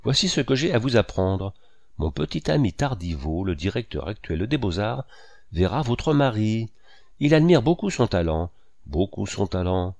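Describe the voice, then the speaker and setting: A man reading a novel aloud, putting on a fussy, chattering old lady who repeats herself and piles up rushed phrases. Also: fairly low pitch, big pitch swings, vocal fry, a little mellow, heavily acted. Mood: fussy gushing.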